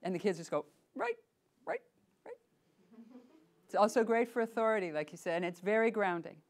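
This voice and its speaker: A middle-aged woman leading a voice workshop, playful and lively, demonstrating sounds and asking her group questions. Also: mid-range voice, fast. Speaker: voice workshop teacher. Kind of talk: workshop teaching.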